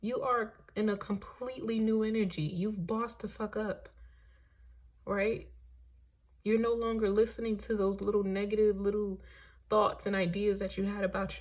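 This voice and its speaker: Emphatic woman giving a tarot reading. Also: medium pitch. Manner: emphatic, encouraging, peppered with "right?" and "okay?"; swears casually. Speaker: tarot reader. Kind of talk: casual tarot reading monologue.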